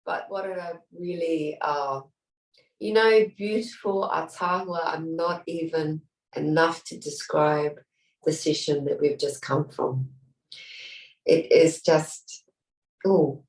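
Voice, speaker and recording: Older NZ woman, heartfelt and halting, low voice; distant echoey call audio. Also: steady tone. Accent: New Zealand. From New Zealand. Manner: heartfelt, halting, searching for words. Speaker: programme participant. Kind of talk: emotional reflective sharing. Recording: roomy, distant from the mic.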